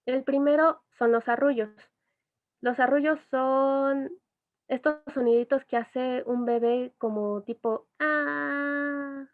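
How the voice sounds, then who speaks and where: A woman's voice: high voice, fairly even intonation, unhurried. A woman, an educational psychologist, giving a patient explanatory talk full of little asides. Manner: patient, explains with asides and imitated baby sounds. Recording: tinny phone-like audio.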